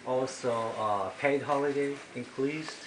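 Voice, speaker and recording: At a home meeting, a middle-aged man from Japan, speaking with a Japanese accent, gives his testimony to the group gathered in the living room. His medium-pitched delivery is halting, broken by frequent throat-clearing and filler pauses. The sound comes from a camera across the room, echoey and noisy in the background.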